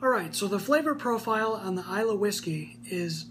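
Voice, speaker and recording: A man's voice: high voice, animated, normal speed, a bit bright, low-quality recording. Enthusiastic young man reviewing casually. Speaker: snus reviewer. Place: small room indoors. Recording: faint background hum.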